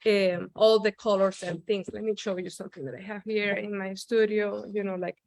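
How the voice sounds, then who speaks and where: On a casual video call, a Venezuelan woman who is a visiting artist speaks at a moderate pace, her mid-range voice flat and a little mellow, with no echo. Her talk is hesitant and full of "um" and "you know."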